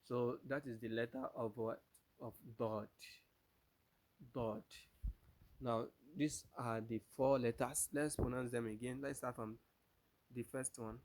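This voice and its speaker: Male Arabic teacher, slow and deliberate, repeats sounds loudly for learners to copy, mid-pitched. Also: steady tone. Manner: repeats letters several times, loud and drawn out; asks the class rhetorical checks. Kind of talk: pronunciation lesson.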